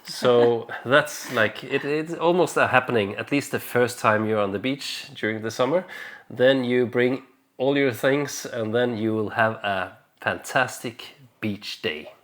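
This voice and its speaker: Relaxed man chatting with frequent fillers. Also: medium pitch, measured pace. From Denmark. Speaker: vlogger. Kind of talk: casual conversational vlog chat.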